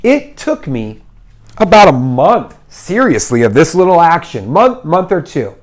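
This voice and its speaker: 40s guy doing a live advice show, kinda high voice, bounces around a lot, upbeat and encouraging. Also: measured pace. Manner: animated, encouraging, acts out little voices. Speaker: host. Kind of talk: casual advice talk. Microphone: phone livestream.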